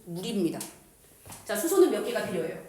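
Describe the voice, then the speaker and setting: Lively, playful woman teaching chemistry. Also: mid-range voice, fairly quick. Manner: playful, asks the class questions and answers them herself; uses slang and crude jokes. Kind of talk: lively classroom lecture. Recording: echoey room.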